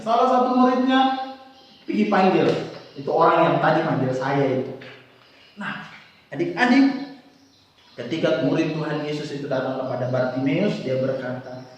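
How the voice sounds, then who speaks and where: A man telling a Bible story to children at a Sunday service, asking them questions as he goes. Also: fairly high pitch. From Indonesia. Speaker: Sunday school teacher. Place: church hall. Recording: echoey hall from far off.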